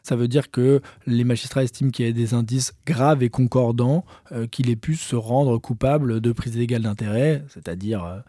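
A man's voice: medium pitch, moderate pace, few pauses, mellow, no echo, clean studio sound. A male journalist explaining a legal case in conversational commentary, with frequent hesitations.

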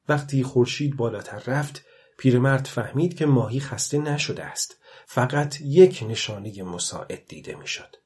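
A man narrating an audiobook in a measured, steady reading style. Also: medium pitch.

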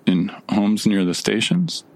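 A man's voice: fairly low pitch, sing-song, takes it slowly, gravelly, heavily acted. A man playing a bewildered, awkward newcomer who speaks in a nervous, sarcastic way in an audio drama. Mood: baffled. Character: bewildered, awkward young man newly arrived.

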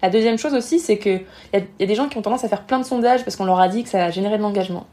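A woman talking at a rapid clip as a podcast guest, blunt and emphatic. She dramatizes what people think in little acted-out asides. Her pitch sits in a middling range. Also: mellow. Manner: rapid, emphatic, frank, acts out quoted thoughts. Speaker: guest, Instagram marketing expert. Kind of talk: podcast interview, advice.

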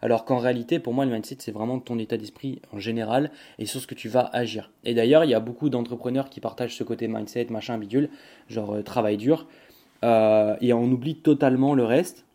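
A young man hosts a casual solo podcast, rambling with lots of fillers and restarts as he speaks directly to the listener. His medium-pitched voice is steady, mellow and fairly quick.

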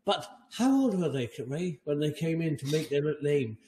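A man's voice: on the high side, animated, moderate pace, warm tone. Indignant man ranting on a fan podcast. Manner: indignant, rhetorical questions, emphatic. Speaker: podcast co-host. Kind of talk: heated fan podcast rant.

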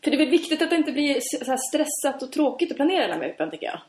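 Calm advice-giving woman, echoey room. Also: high-pitched. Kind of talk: casual chat.

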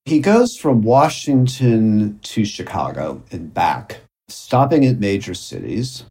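A man, a historian guest, telling a story in an animated way. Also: fairly low pitch, slow pace. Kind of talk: interview explanation.

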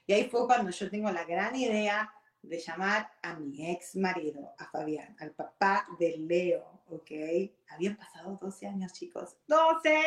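Candid Argentine woman telling her story. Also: lowish voice. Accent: Argentine Spanish. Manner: candid, confiding, sprinkles English words. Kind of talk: personal storytelling to an audience. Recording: echoey room.

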